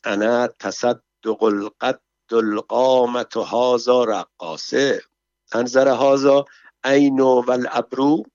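A man plays a drunk, boastful courtier who slurs his way through broken Arabic at a slow drawl. The voice sits a little above the reader's own. The recording is dull and dry. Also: medium pitch, steady tone, a little mellow, dry recording, natural voice. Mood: tipsy boasting.

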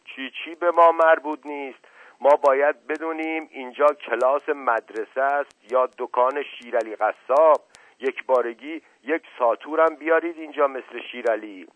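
A man's voice: no echo, natural voice. A man voicing an old male household servant with a folksy, rambling way of talking, in a narrow tinny recording. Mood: indignant. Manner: folksy, rambling, raised high excited voice. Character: rustic old male servant, meddling and excitable. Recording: narrow tinny phone-like sound, dry.

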